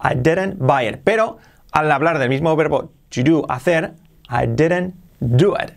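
A man teaching English grammar in casual Spanish, repeating English example sentences slowly and clearly. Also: a little high. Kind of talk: explaining grammar to learners.

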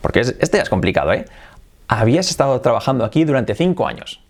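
A man teaching an English lesson, repeating example sentences slowly, chatty and encouraging. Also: mid-range voice, big pitch swings. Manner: chatty and encouraging, with light laughs. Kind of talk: online language lesson.

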